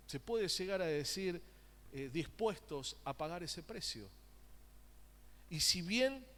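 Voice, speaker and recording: Pastor guy preaching, pretty high voice, asks the crowd stuff, big echoey church. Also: fairly bright tone. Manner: preaching with call-and-response questions to the congregation; joking, conversational asides. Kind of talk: sermon. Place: church sanctuary.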